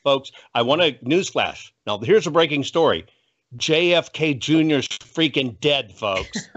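Man, American, political activist guest; highish voice with big pitch swings, punchy and folksy, preaching to listeners. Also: lively intonation, unhurried, fairly bright tone. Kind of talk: motivational political commentary. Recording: dull, muffled lo-fi audio.

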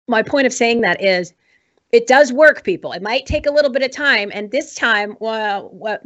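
A woman's voice: on the high side, a bit bright. An American woman hosting a political talk show, giving informal commentary in an emphatic, exhorting manner. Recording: dull, muffled lo-fi audio.

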